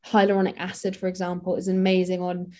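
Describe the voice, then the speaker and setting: A woman's voice: lowish voice, monotone, fast, mellow. A woman, a makeup artist, talking casually and practically in an interview, with many fillers.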